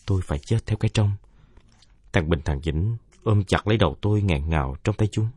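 A man reads a first-person war story in a somber, measured way. His voice sits low and husky, and the recording is dry and close with no room around it. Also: dark tone, dry recording. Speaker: narrator.

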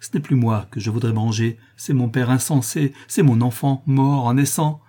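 A man's voice: mid-range voice, steady tone, moderate pace, warm tone, husky, natural voice. A man voicing a desperate young woman in an audiobook, crying out in anguish. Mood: grieving. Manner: pleading, anguished cries. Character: desperate young woman, daughter of a ruined artisan. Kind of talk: audiobook character reading.

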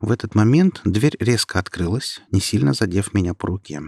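A man with a low, husky voice reading an audiobook aloud. He narrates at a steady, even storytelling pace. The recording is dry and close, with no room sound. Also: fairly quick, dry recording.

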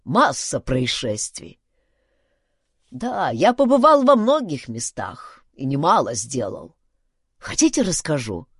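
A woman's voice: deep voice, big pitch swings, slow, husky, no room sound, clean studio sound, heavily acted. A woman voicing a talkative male robot in a read-aloud story, eager and boastful.

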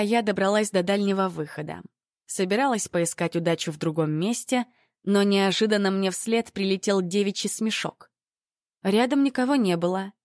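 A woman narrating a first-person story in an even, storytelling delivery. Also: mid-range voice, dry recording, studio quality.

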